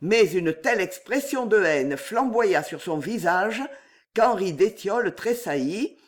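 A man narrating a novel aloud in a measured, expressive reading. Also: high voice. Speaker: audiobook narrator.

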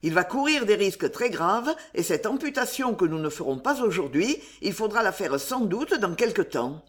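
A woman's voice: mid-range voice, sing-song, normal speed, natural voice. A woman reading aloud, voicing an irritated male army surgeon who speaks in a curt, matter-of-fact way. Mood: blunt.

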